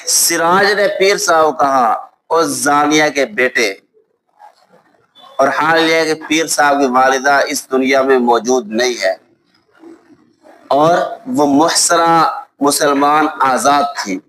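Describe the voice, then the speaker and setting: A man with a Pakistani Urdu accent teaching a lesson on Islamic law. He recites Arabic texts slowly, then explains them with examples and often checks that students follow. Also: on the high side, fairly bright tone, poor audio. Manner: explains with worked examples and asks "ٹھیک ہے؟" to check understanding. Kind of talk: classroom lecture.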